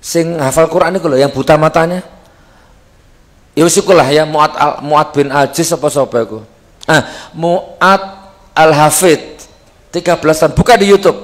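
A man preaching with a Javanese accent, telling stories and switching into dramatic voices. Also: a little high. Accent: Javanese Indonesian. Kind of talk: sermon.

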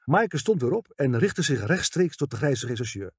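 Male audiobook reader, husky, animated, dry. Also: medium pitch, normal speed, dry recording. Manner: expressive, voicing every character. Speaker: audiobook narrator. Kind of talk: scripted audiobook narration.

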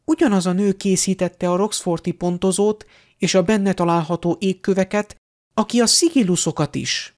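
A man's voice: high voice, a little mellow, voice pushed up, lightly acted. A man voicing an eager, bossy teenage schoolgirl witch who talks insistently and impatiently, raising his voice well above his own. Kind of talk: fan audiobook character voice.

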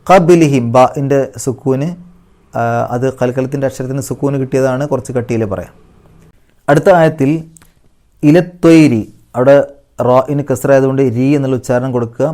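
Male tajweed teacher. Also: steady tone. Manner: recites short Arabic phrases slowly and higher, then explains in a lower, softer voice. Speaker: Quran recitation teacher. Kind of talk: tajweed lesson explaining recitation rules.

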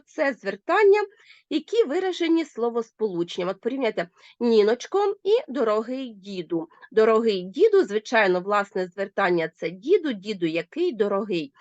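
A woman's voice: a little high, dry recording, muffled recording. A woman teacher giving a recorded grammar lesson, speaking directly to her pupils. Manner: animated, addresses pupils directly.

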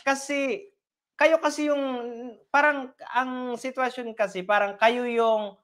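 A woman's voice: high-pitched, steady tone, takes it slowly, a bit bright. A Filipina woman hosting a vlog interview, chatty and blunt, talking straight to her viewers. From Philippines. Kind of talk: casual interview chat.

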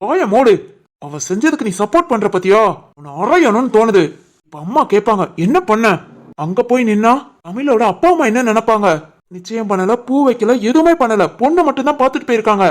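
Casting: woman playing a hot-tempered young husband in a cartoon, Tirunelveli Tamil accent, fairly high voice, scolding. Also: lively intonation, fairly quick, lightly acted. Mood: angry. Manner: scolding, stern. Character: young husband and son, short-tempered man. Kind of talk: animated family drama voicing.

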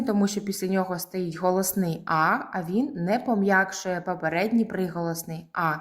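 A preschool teacher from Ukraine leading a lesson for small children, speaking slowly and clearly and drawing out the words. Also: female voice, medium pitch.

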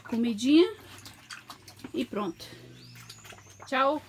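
A woman with a bright, high voice films herself outdoors on a farm with her phone. She talks casually to her viewers and chirps at the animals. A faint hiss of outdoor noise sits under her voice. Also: lively intonation, drawn-out words. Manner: chatty, calls out to animals in a high sing-song voice. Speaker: vlogger. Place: outdoors on a farm, pigsty and yard. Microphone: phone camera held by the speaker.

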